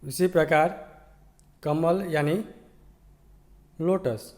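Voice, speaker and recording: A man with a Gujarati accent teaching young children, slowly sounding out letters one by one and checking in with "ठीक है". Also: a little high, a little mellow. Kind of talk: slow, patient children's lesson.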